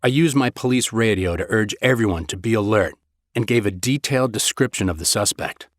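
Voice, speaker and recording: A man narrating a first-person audiobook in a measured, steady storytelling manner. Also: lowish voice, no echo, clean studio sound.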